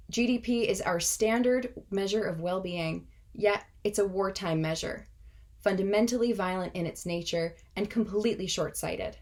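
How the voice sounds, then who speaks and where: A native Russian speaker in her twenties delivers prepared remarks with a medium-pitched voice. Her manner is measured, earnest, and full of passion.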